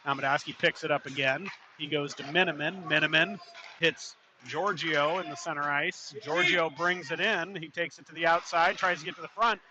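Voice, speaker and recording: A man doing running play-by-play commentary for a youth hockey game, steady in tone and rising sharply on shots. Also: fairly high pitch, normal speed. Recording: noisy arena ambience.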